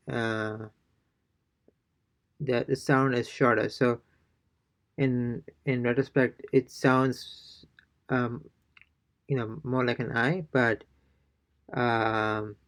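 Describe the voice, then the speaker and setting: A man's voice: mid-range voice, fairly even intonation, takes it slowly, long pauses. A man teaching a casual language lesson, hesitant, with many fillers and restarts. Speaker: Spanish teacher.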